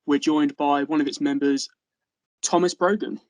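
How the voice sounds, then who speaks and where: A man's voice: a little high, fairly even intonation, moderate pace, a little mellow, dry recording. A man hosting a podcast in a casual, friendly way, joking and using fillers. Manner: friendly, jokey, many fillers. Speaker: podcast host.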